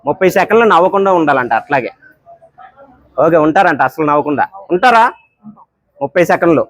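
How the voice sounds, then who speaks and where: Male street vlogger, high and lively, all jokes and loud exclamations. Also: brisk, dry recording. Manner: teasing, jokey, exclaims loudly. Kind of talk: playful street banter. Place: tea stall.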